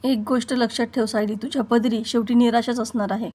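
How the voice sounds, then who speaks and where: Stern protective father, pained and lecturing, read by a woman in a narrow, higher voice. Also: fairly even intonation, a little fast, darkish tone, breathy edge. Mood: angry, pained. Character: stern protective father, middle-aged man.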